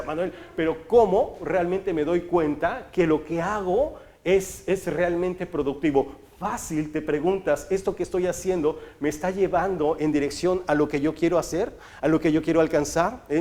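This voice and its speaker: A man giving a motivational talk as a coach, telling stories and asking rhetorical questions. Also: a little high. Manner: storytelling, rhetorical questions, animated sound effects.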